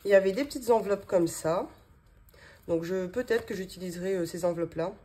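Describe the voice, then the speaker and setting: Speaking quickly in a mellow, lowish voice, a budgeting vlogger in her thirties unboxes her binders at a desk indoors. Her casual show-and-tell is full of filler words and small laughs.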